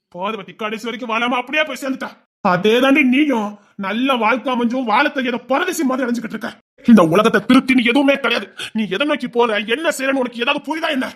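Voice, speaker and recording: A man's voice: extremely high pitch, a bit bright, exaggerated voice. An actor with a Tirunelveli Tamil accent playing a stern, remorseful older father who scolds and then pleads with his daughter. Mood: scolding.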